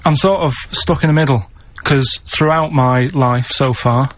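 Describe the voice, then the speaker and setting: Bloke rambling a story deadpan, muffled old radio sound. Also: male voice, mid-range voice, a little slow. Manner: plain-spoken, meandering, deadpan. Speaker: radio regular. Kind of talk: rambling anecdote telling. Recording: dull lo-fi radio recording.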